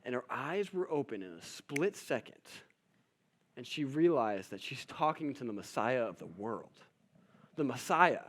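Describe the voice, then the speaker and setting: A man's voice: medium pitch, sing-song, measured pace, a bit bright, a little hiss or hum. Casual, joking male pastor. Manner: casual, humorous storytelling with restarts. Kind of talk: sermon.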